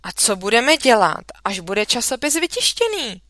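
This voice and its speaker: A woman's voice: a little high, big pitch swings, fairly bright tone, no echo, clean studio sound. A woman reading aloud, voicing a schoolboy who questions and challenges the others. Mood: questioning.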